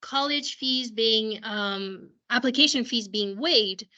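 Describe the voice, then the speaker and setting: Speaking slowly with a pitch on the high side, a woman school counselor who is losing her voice explains a software walkthrough to parents. The conversation takes place over a video call, and she keeps restarting her sentences.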